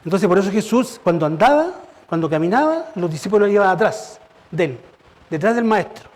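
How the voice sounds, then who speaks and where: Man, pastor, high voice, sermon, conversational, rhetorical questions. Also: very animated, a little fast. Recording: church service.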